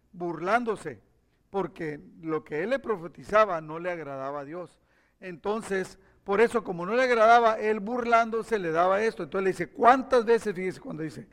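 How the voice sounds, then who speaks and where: A man preaching, retelling a scripture story with acted quotes and asides to his listeners. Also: sits high. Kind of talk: Bible teaching sermon.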